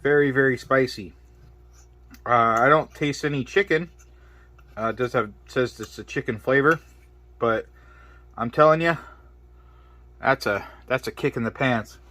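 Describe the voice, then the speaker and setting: Man reviewing food on camera, bright tense tone, dry close sound, gasping at spicy bites. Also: medium pitch, unhurried, pauses often, no room sound. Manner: exclaiming between bites, hiccuping from spice. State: mouth burning from spicy food. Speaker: product reviewer. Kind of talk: casual food review vlog.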